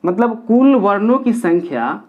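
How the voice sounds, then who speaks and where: A man's voice: high voice, very animated, a little slow. A man teaching a grammar lesson at a board, counting aloud step by step and repeating key points for his pupils. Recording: dull lo-fi recording.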